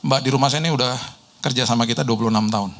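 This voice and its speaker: A middle-aged man, preaching a sermon told through lively personal stories and chuckles. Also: medium pitch, very fast, slight background noise. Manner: lively storyteller, mimics people in quotes, laughs often. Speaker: pastor.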